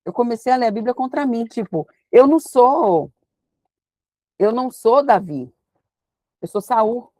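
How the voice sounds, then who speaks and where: A woman leading a devotional Bible study. She reads scripture slowly and explains it in a lively, conversational preaching tone. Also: a little high, no echo.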